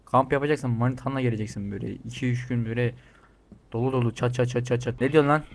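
A man giving crude, excitable commentary while playing a game, reading out the other characters' lines and yelling when startled. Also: mid-range voice, rapid-fire, vocal fry, a little hiss or hum. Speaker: gaming streamer. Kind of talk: swearing playthrough commentary.

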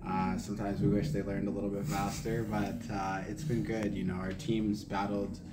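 A man's voice: lowish voice, level tone, moderate pace. A man, a hockey player, answering reporters' questions after a game with confident, defiant answers and short laughs. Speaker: hockey player at post-game press availability. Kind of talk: post-game press interview. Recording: echoey room, distant mic, loud background noise.

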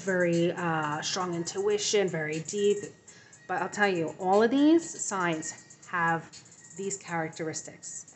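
Woman tarot reader, reassuring and unhurried, lots of ums, soft music under her. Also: fairly low pitch. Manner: warm, reassuring, with frequent fillers and repeated phrases. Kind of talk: intuitive tarot reading to viewers.

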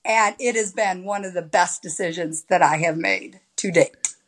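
A woman in her sixties, a podcast guest, telling her story in a lively, animated way over a video call from a room at home. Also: lowish voice, normal speed. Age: 60s. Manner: animated storyteller with big hand gestures. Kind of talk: casual interview chat. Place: home room with high ceiling. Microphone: laptop webcam on a video call.

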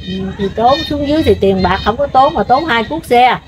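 A woman's voice: on the high side, expressive, brisk, slight background noise. An older woman with a Mekong Delta accent, telling her story in an interview in a rambling way, full of fillers and repeats. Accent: Southern Vietnamese, Mekong Delta. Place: rural home by a river.

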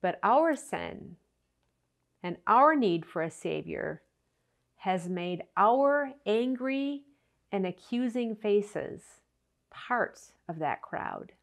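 Slow, lively-voiced woman giving a sermon. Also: medium pitch, gravelly. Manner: slow, earnest, expressive delivery. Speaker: church speaker. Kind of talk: Good Friday reflection and scripture reading.

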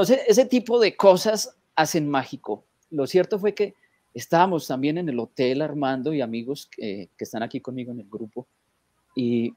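A man in casual conversation, telling emotional anecdotes in an animated way and often adding "¿no?". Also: mid-range voice, no room sound. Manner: animated, emotional storyteller with lots of "¿no?".

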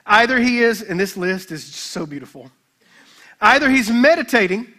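A man pastor preaching a sermon at a church service, telling a scripture story with lively humor and playful asides to the congregation. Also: sits high.

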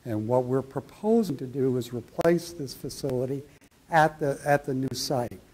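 A man's voice: medium pitch, moderate pace, a little mellow. A middle-aged man presenting a library project at a town hall meeting, explaining plans and answering audience questions on a handheld mic in a meeting room. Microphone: handheld microphone.

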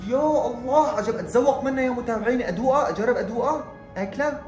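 Man, high voice, excitable, feigned fear, horror vlog, echoey room. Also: quick pace, faint music behind. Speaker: vlogger. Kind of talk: horror prank vlog narration. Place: room at home.

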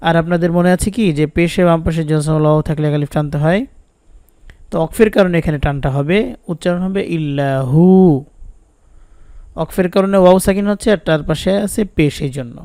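A man with a Bangladeshi Bengali accent teaches step by step, spelling out each syllable and repeating it patiently. His voice sits a little high and sounds smooth and clear. The recording is dry and close, with no room echo. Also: fairly quick, mellow. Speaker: Quran recitation teacher. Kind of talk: step-by-step spelling lesson with slow recitation.

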